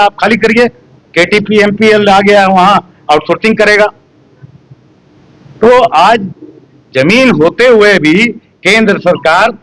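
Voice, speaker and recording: A local activist speaks earnestly and rhetorically to reporters at a press interview, complaining about officials. His voice is high-pitched with a fairly bright tone, and the recording is low quality.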